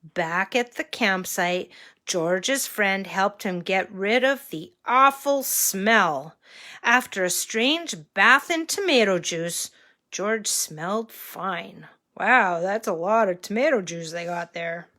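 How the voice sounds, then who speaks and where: Animated, bright-voiced woman reading to a toddler. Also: medium pitch. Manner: reading to a toddler, slow and expressive with questions to young listeners. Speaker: children's story reader. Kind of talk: animated picture-book read-aloud.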